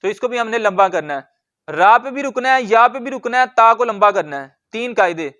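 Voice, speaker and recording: Man, very high pitch, smooth clear tone, recitation teacher, slow drilling, asks and answers questions. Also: expressive, pushed and bright. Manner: drills words slowly, asks questions then answers them. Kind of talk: Quran recitation lesson.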